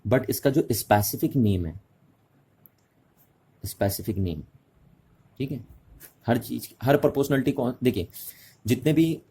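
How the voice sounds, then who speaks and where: A man's voice: medium pitch, unhurried, long pauses, dark tone, slightly rough. A man teaching a physics lesson in Hindi mixed with English, patiently repeating key terms and checking that students follow. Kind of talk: classroom lecture mixing Hindi and English.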